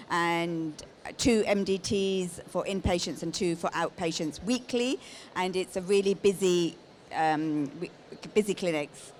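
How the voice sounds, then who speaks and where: With a fairly low, darkish voice, a middle-aged woman gives a live presentation as a lead clinician on a handheld mic. The setting is an exhibition stand in a large, busy indoor hall, where background noise is clearly heard.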